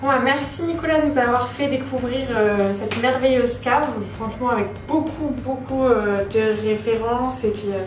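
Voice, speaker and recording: A woman's voice: fairly high pitch, moderate pace, hardly any pauses, far from the mic, background noise. A young woman interviewing a sommelier in a cellar, asking friendly questions and chiming in with short agreement. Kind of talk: casual interview. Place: stone wine cellar indoors. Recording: roomy, off-mic, with music.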